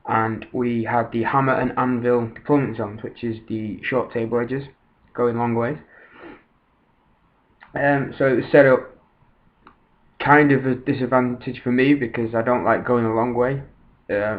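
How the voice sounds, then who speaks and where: A man's voice: mid-range voice, narrow, tinny audio. A man casually narrating a tabletop battle recap in a hesitant, informal way, sounding a little far away on a built-in laptop microphone. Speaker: tabletop wargamer presenting a battle report. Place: voice-over recorded at a laptop. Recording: band-limited laptop built-in microphone, slightly distant.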